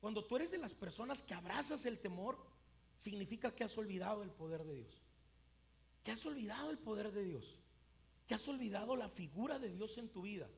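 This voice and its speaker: A male pastor preaching a sermon emphatically, swinging between loud and hushed, with occasional stumbles and repeated words. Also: sits high, expressive, a little fast, creaky.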